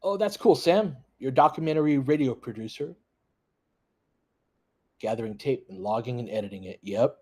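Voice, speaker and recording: Running basketball commentary comes from a fan livestream host who talks in short, clipped bursts and chats with his audience. His mid-range voice is a little mellow and slightly rough, at normal speed with frequent pauses.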